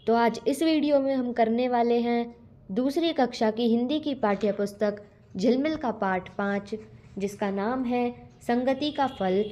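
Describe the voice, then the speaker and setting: A woman teacher reading a school lesson aloud and going through its questions in a clear, patient way. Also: fairly high pitch, unhurried, mellow. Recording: dull lo-fi recording.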